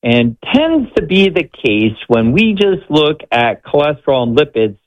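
A man speaking as a medical expert guest on a radio show, explaining conversationally in a halting, measured way. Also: on the high side, very animated. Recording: slightly dull, band-limited audio.

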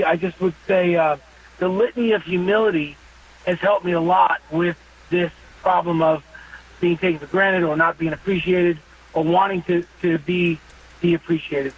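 A man's voice: high voice, fairly even intonation, normal speed. A man in his fifties calling in to a radio show, speaking earnestly and reflectively about faith. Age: 50s. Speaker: caller. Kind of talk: call-in radio talk. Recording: muffled phone-in line with faint noise.

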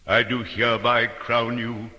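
Slow, solemn archbishop intoning. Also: male voice, medium pitch, little pitch movement, pushed and bright, highs cut off. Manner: ceremonial, drawn-out intoning. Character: solemn archbishop crowning a king. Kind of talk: theatrical period drama acting. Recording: large reverberant hall.

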